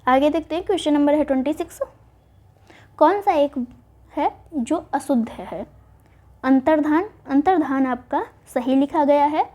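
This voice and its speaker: In an online exam-prep lesson, a woman teaches Hindi spelling, spelling words out slowly and answering her own questions. Her voice is high and mellow.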